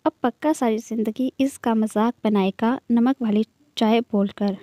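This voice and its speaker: A woman reads a novel aloud in a steady storytelling voice. Her voice is mellow and a little higher than most women's. The recording is dry and close. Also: measured pace, dry recording. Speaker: narrator. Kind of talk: novel reading.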